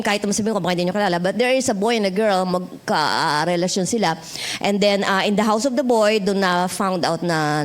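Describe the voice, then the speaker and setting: A Filipino woman pastor preaching a sermon in a chatty, joking way, mixing Tagalog and English. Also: medium pitch. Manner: conversational, switching between Tagalog and English, joking with the congregation. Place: church sanctuary.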